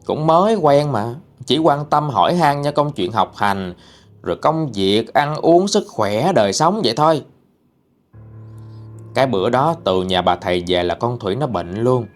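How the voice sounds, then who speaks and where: A man's voice: mid-range voice, animated, a little slow, faint music behind. A man with a Southern Vietnamese accent narrating a ghost story in a casual, chatty way, talking straight to his listeners. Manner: chatty, addresses listeners directly.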